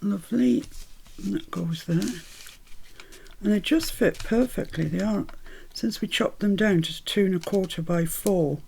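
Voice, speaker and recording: There's slight background noise under her medium-pitched voice, which is gravelly and dark and keeps a measured pace. Born in Scotland and long settled in the Midlands, this craft channel host speaks with a mixed British accent, chatting and laughing her way through a tutorial as she works.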